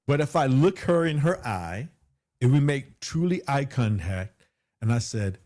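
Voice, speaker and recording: Speaking a little slowly, with big pitch swings and a darkish medium-pitched voice, a male hypnotherapist appears as a guest in a conversational interview. He says he has a big voice and repeats phrases to stress them, speaking emphatically.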